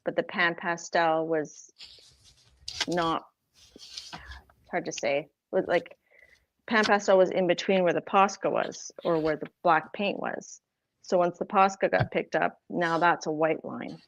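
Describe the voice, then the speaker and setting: A woman's voice: fairly low pitch, fairly even intonation, a little slow, a little hiss or hum. Rambling Boston woman, dull lo-fi sound. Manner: rambling, with many fillers and self-corrections. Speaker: craft livestream host. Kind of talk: casual craft chat.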